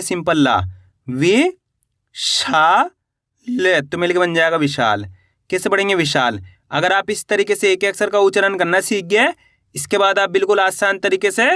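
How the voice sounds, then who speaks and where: A man teaching beginners to read and spell, sounding words out slowly syllable by syllable and quizzing his viewers with encouragement. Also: high-pitched, bright, forceful tone, dry recording, clean studio sound. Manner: encouraging, addresses viewers as friends. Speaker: Hindi teacher.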